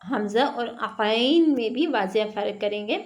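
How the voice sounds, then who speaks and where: A woman teaching Quran letter sounds, drilling syllables slowly one by one and then explaining how each is pronounced. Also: fairly high pitch, a little mellow. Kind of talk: slow recitation lesson. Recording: dull lo-fi online lesson audio.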